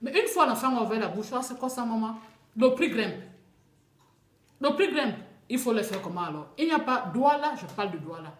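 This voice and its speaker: A woman with a Cameroonian French accent, telling her own experiences in a lively, unscripted way. She often stumbles and repeats words as she talks. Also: a little high, a little fast, reverberant. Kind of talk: casual spoken testimony.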